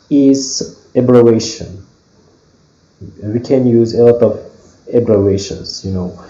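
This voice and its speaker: A man with an Uzbek accent walks through a phonology lesson at a very slow, hesitant pace, full of fillers. His voice is dark and mellow. The recording is echoey and dull, as if made in a bare room. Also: lowish voice. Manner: hesitant, many fillers and restarts. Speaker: English teacher.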